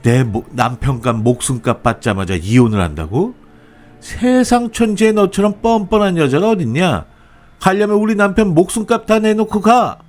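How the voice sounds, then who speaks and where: A man's voice: sits high, expressive, moderate pace, faint music behind, voice pushed up. A man voicing a greedy, spiteful older mother-in-law who accuses and browbeats in a raised voice. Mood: furious.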